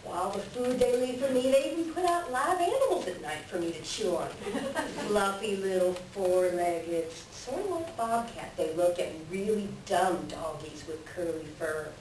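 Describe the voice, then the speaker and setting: A woman's voice: medium pitch, lively intonation, normal speed, darkish tone, close to an everyday voice. A woman playing a sly, self-serving coyote trickster with folksy, rustic speech in a readers theater animal tale. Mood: smug, boastful. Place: library readers theater performance. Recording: roomy, distant mic, faint background noise.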